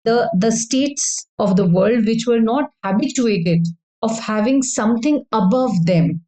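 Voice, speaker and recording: A woman's voice: fairly high pitch, measured pace, warm tone, rough recording. A woman with an Indian English accent giving an explanatory law lecture, often repeating and rephrasing her points. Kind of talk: educational lecture.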